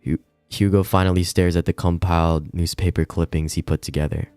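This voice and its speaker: A man with a low, fairly even voice, a little fast, mellow and clean in tone, reads a visual novel aloud on a casual livestream. He stumbles occasionally and adds giggly reactions. Music plays behind him, and the sound has a roomy echo.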